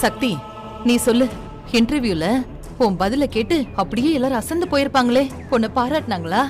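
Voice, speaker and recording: A woman's voice: fairly high pitch, expressive, brisk, a little mellow, natural voice. An actress playing an emotional middle-aged mother in a TV serial, pleading and anxious. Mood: eager. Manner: pleading and emotional, rising to distress. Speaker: mother of the heroine. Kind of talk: Tamil TV serial acting. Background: soap opera music score.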